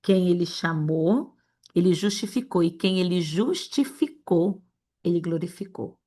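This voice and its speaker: A woman's voice: lowish voice, expressive, measured pace, mellow. A woman from Brazil teaching an informal Bible lesson to an online group. She talks straight to the group and acts out little dialogues as she goes.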